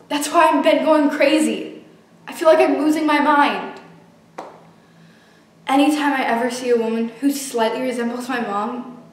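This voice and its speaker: A teenage girl acting a grieving, angry daughter in a dramatic monologue, with tragic, sorrowful, emotionally wrought delivery. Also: high-pitched. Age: young teenager. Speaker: actor performing a monologue. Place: small bare indoor room. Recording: echoey room, distant mic, noisy.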